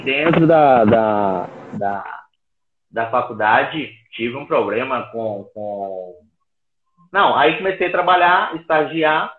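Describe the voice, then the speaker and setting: A man speaks over an internet call, his voice thin and boxy like a phone line, with a hollow echo around it. He is an interview guest telling his story casually, halting and often repeating words at a middling pitch. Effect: heard over an internet call line. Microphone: remote call device. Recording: tinny echoey call audio.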